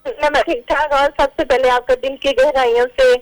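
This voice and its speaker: A woman's voice: high-pitched, fairly even intonation, no echo. A woman from Lahore calling in to a show and chatting politely, her phone line breaking up and cutting out. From Lahore, Pakistan. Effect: phone line breaking up with dropouts. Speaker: caller. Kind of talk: phone-in chat.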